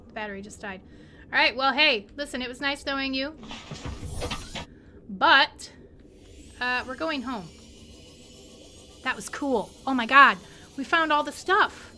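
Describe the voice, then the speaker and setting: High bright excitable woman gamer. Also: slow pace, long pauses, a little hiss or hum. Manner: excitable, exclaiming, talks to creatures. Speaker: gameplay streamer. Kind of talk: let's play commentary.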